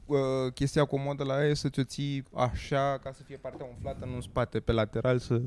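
A man's voice: medium pitch, no echo. Man telling a story, dry sound. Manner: animated, laughing storyteller. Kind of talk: casual chat, storytelling.

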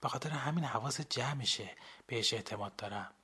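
Husky cheerful young woman student, voiced by a man. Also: mid-range voice, bright, forceful tone. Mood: upbeat.

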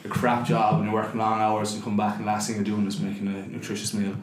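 A man's voice: lowish voice, level tone, quick pace. A man in his twenties with a west of Ireland accent, talking casually as an interview guest. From Galway, Ireland. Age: 20s. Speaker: interview guest, business co-founder. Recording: echoey room, faint background noise.

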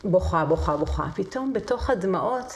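A woman's voice: lowish voice, animated, darkish tone. A middle-aged woman, a singer and voice teacher, telling her story as an interview guest, vivid and with hesitant fillers. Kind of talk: conversational interview.

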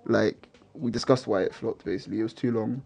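Young man, gravelly fry, casual slangy chat, rambling banter. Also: lowish voice, a little fast, a little mellow. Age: young adult. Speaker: music podcast host.

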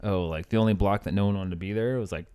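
A man's voice: lowish voice, fast talker, mellow, clean tone. A man in his thirties, a podcast guest, chatting casually in a laid-back, rambling way with frequent laughs. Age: 30s. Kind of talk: casual chat.

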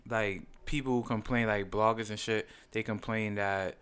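A man hosting a casual podcast chat, slangy and excitable, with stop-start phrasing. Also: fairly low pitch, unhurried, clear, resonant tone. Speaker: podcast host.

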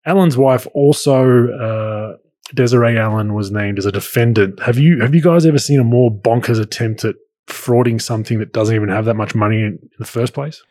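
A man hosting a casual podcast, a former pro player, explaining things in a relaxed way. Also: medium pitch, a little fast. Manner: relaxed explaining, laughs easily.

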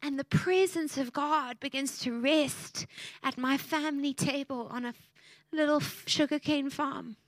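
A woman in her thirties gives a heartfelt, emotional sermon. Her voice sits high, and the sound is close and dry with little room around it. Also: a little slow, no echo. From South Africa. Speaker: preacher.

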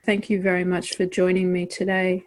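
A woman's voice: lowish voice, completely flat delivery, normal speed. A woman with an Australian accent hosting a poetry podcast, speaking in an appreciative interview style. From East Coast of Australia. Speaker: podcast host and poet. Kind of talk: warm appreciative interview talk.

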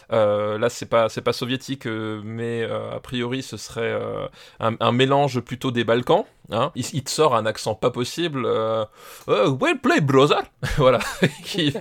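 A man's voice: medium pitch, creaky, fairly bright tone. A man with a French accent on a podcast, enthusiastic, repeating words and stacking fillers as he talks. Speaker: podcast guest. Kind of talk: casual podcast chat.

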